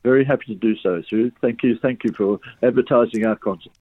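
A man's voice: medium pitch, breathy edge, no echo. Older man on a tinny phone line. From Sri Lanka. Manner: halting, many uh's and restarts. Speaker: orchestra conductor. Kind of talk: radio interview, answering questions.

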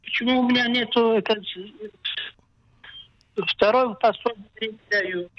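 An older man calling in to a radio show over a crackly phone line that keeps cutting out, talking haltingly and checking that he can be heard. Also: extremely high pitch, steady tone, no echo. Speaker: caller. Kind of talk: radio call-in question. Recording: dull, breaking-up phone call.

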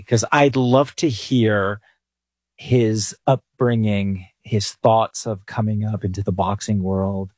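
A man from England, a financial advisor, talking on a radio show in a low, slightly husky voice. He answers at an easy, thoughtful pace, and the recording is dry and close. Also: darkish tone, no room sound. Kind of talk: casual interview answers.

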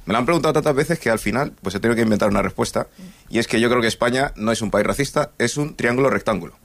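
A man's voice: medium pitch, very fast, a bit bright, no room sound. A young man from Nigeria performing a stand-up comedy set on stage, telling stories in a laid-back way and laughing at his own jokes. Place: comedy stage with live audience.

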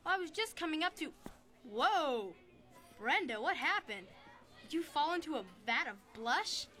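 An actress playing a sarcastic, nosy, teasing youngster in a family radio drama. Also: female voice, sits high, big pitch swings, measured pace, pushed and bright, soft background music, heavily acted.

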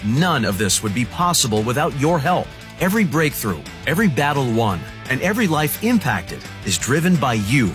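A man's voice: mid-range voice, very animated, moderate pace, fairly bright tone, soft background music. A man reading a scripted charity advert as an announcer. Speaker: commercial announcer.

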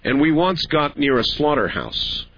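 A man hosting a call-in radio show with a smooth radio host delivery, easygoing and conversational as he takes callers on air. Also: a little high, very animated, a little slow. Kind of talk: late-night call-in radio talk. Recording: dull, dry radio broadcast audio.

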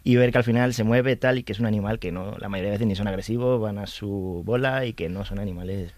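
A man from Spain speaking as a guest expert, calmly explaining and reassuring. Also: fairly low pitch, fast, dry recording. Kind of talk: explanatory conversation.

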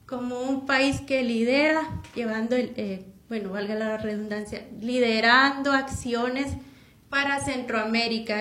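A woman born in Honduras hosts a radio program from a studio booth. She talks in a slightly raised pitch, stopping and restarting with many fillers. Her voice carries a noticeable room echo. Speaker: radio host. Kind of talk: radio talk show hosting.

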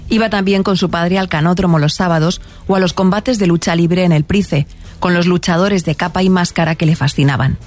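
A narrator reading a scripted biography in a steady, even delivery. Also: medium pitch, brisk. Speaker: documentary narrator.

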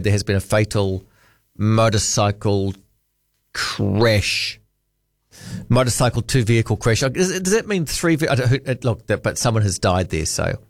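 A radio host with a lowish voice runs a late-night talkback show, chatting and trading warm-hearted banter with callers, sometimes restarting his sentences. The studio microphone gives a clean sound with no echo.

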